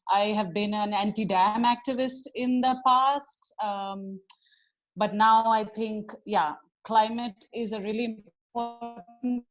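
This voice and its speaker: A woman's voice: mid-range voice, highs cut off. A woman from India introducing herself on an online panel, earnest and fluent, over a video call. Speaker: panelist, program coordinator.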